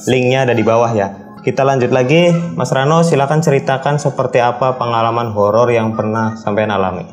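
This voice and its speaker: A man's voice: mid-range voice, a little fast. A man casually hosting a video show and putting questions to a guest. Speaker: host interviewing a guest. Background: background music.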